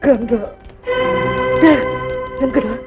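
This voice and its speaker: Regretful uncle, pleading calls, 1960s melodrama, tinny sound with score behind. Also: male voice, very high-pitched, drawn-out words, full character voice. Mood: remorseful. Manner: pleading, calling out repeatedly. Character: remorseful uncle calling after a runaway boy. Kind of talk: 1960s film acting. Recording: tinny old film soundtrack with music.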